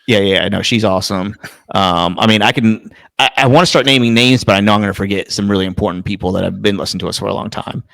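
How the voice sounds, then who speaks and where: A man's voice: lowish voice, quick pace, creaky, a bit bright, dry recording. A man co-hosting a fantasy football podcast, chatting casually in a rambling way and swearing freely. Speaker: podcast co-host. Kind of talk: casual chat.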